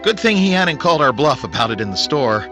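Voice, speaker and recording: A man playing a measured, wry noir detective, a principled investigator narrating his case in an old-time radio drama. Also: a little high, very animated, over music. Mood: wry, reflective.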